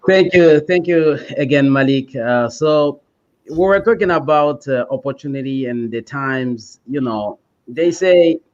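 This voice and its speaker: A man's voice: medium pitch, a little slow, darkish tone, lo-fi sound. A man speaking as a panel guest, hesitant with many fillers. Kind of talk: panel interview.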